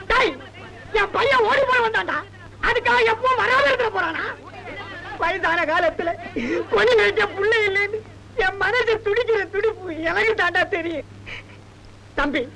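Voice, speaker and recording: A man's voice: very high-pitched, vocal fry, bright, forceful tone, a little hiss or hum, heavily acted, rough recording. An actor playing an aging village father who pines for his runaway son, pleading and lamenting in tears in a film scene. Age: older. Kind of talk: film drama acting. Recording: film soundtrack with music behind.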